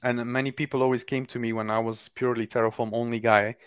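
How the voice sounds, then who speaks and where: A man's voice: medium pitch, little pitch movement, smooth, dry recording. A man in a casual technical discussion, talking emphatically and arguing his views. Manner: emphatic, opinionated, quick to argue.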